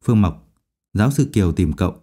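A man voicing a timid male roommate who speaks softly to smooth things over. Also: deep voice, animated, a little fast, pitched below the performer's own voice. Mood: placating. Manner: soft, placating.

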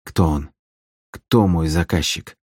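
Man as terse young assassin, quiet pressing questions, low voice, dry sound. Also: takes it slowly, no echo.

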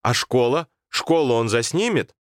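A man's voice: mid-range voice, expressive, measured pace, smooth, no room sound, clean studio sound, pitched above the performer's own voice, lightly acted. A man voicing a stubborn, sickly young boy in a storybook reading, insisting and pleading. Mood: sulky.

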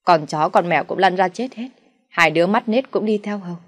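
A woman's voice: lowish voice, fast, lightly acted. A woman voicing a shrewish middle-aged stepmother who scolds, curses and wails for the village to hear. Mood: wailing curses. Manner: scolding, cursing, wailing to the village.

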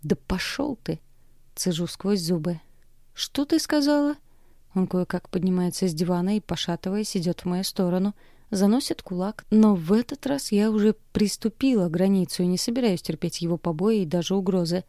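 Low dark-voiced woman reading an audiobook. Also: a little fast, no room sound, studio quality. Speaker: audiobook narrator. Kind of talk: scripted first-person audiobook narration.

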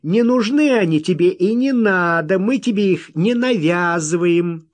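A cocky young prospector needles his rival with stubborn teasing, as a man puts him on. The voice sits high above the reader's usual and comes out loud. The lines rise and fall a lot. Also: animated, a little slow. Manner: stubborn, mocking.

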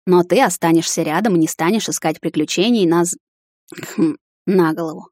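A woman's voice: on the low side, moderate pace, no room sound, clean studio sound, natural voice. A woman reading a stern young captain. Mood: coaxing. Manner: scolding then softly coaxing. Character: stern young male captain and hunter, teasing fiancé.

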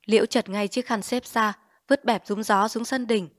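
Woman narrating a novel, voice fairly high. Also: normal speed, no echo, studio quality. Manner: lively, acting out each character. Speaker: audiobook narrator. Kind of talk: dramatized novel reading.

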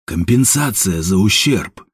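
A man's voice: lowish voice, expressive, measured pace, husky, no room sound, clean studio sound. Man doing a curt, stern boss. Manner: curt, clipped commands.

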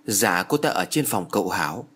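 A meek maid who hurries through her apologetic explanations, as a male narrator voices her. The voice is husky and only lightly changed. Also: low voice, lively intonation, normal speed, fairly bright tone, full character voice. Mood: timid. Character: timid female house servant, apologetic.

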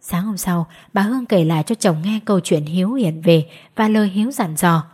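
A woman storyteller narrating a ghost story in a steady, measured way. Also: on the low side, husky.

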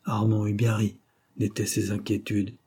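Husky dark-voiced male audiobook narrator. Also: lowish voice, monotone, moderate pace. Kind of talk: reading a classic novel aloud.

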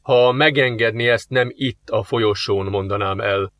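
A man voicing a suave male demon posing as a polite businessman, speaking smoothly and courteously. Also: fairly low pitch, fairly bright tone.

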